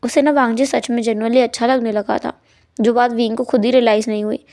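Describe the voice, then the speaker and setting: High-voiced woman narrating a story. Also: little pitch movement, fairly quick, warm tone. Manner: chatty, with filler "ना" and "हम्म".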